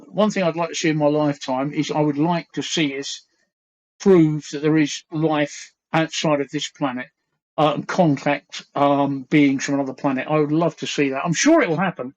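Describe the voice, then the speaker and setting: A man in his sixties hosts a casual livestream, his voice on the high side with a steady tone at normal speed. He's from East London, speaks with a Cockney accent, and rambles earnestly, repeating phrases as he thinks. The audio is dull and lo-fi.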